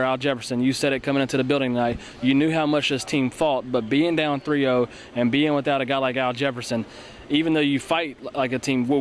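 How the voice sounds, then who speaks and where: Young guy talking hoops really fast, earnest, lots of restarts, faint arena hum behind him. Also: medium pitch. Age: young adult. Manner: rapid, earnest, many fillers and restarts. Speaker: sports broadcaster co-host. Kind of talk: post-game sports analysis. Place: empty indoor basketball arena. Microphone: handheld mic held by co-host.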